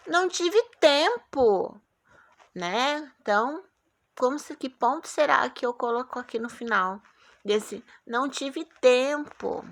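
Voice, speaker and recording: Woman, Brazilian Portuguese accent, primary teacher, recorded lesson, bright, gravelly, patient, coaxing. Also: a little high. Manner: patient, coaxing, checks in with "tá bom?" often.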